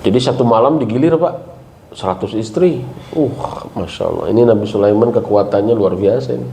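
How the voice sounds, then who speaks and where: A middle-aged man with a Sundanese accent gives an Islamic parenting talk. His voice sits at an ordinary pitch but leaps sharply upward whenever he stresses a point, and he keeps turning to the audience with quick questions. A faint noise sits behind him. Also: creaky. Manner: animated, leaps high in pitch for emphasis, asks the audience questions. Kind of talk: lively religious study talk.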